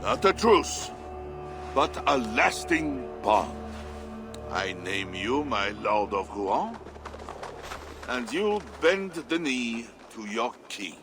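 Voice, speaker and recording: A man's voice: mid-range voice, sing-song, slow pace, long pauses, music in the background. A man playing a regal, ingratiating Frankish king in a video game, pompous and ceremonious. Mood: stately. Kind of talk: cinematic game dialogue.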